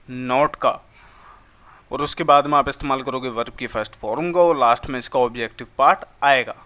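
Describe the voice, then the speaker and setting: A man explaining an English grammar lesson in a friendly, instructive way, reading example sentences slowly. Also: a little high, sharp tone. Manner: addresses listeners as brother, slow drawn-out example sentences. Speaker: English teacher.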